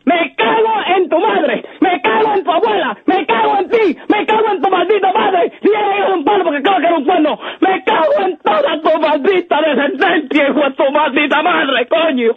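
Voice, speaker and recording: A man's voice: very high-pitched, lively intonation, moderate pace, hardly any pauses. A man answering a prank call over a phone line, getting furious and spitting curses and insults. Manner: furious, cursing, shouting insults. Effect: heard over a phone line. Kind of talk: angry phone argument. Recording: muffled phone line with crowd noise.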